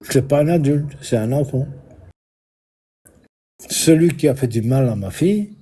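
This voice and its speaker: A man's voice: medium pitch, lively intonation, measured pace, dark tone, slightly rough. A middle-aged man from Belgium calling into a live stream, speaking earnestly and a bit hesitantly. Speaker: caller. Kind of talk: casual conversation.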